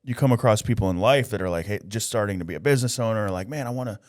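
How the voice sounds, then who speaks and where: A man's voice: on the low side, very fast, a little mellow, no room sound, clean studio sound. A man in his late thirties hosting a podcast, talking in a laid-back, casual way with slang. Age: 30s. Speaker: podcast host. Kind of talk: casual conversational interview.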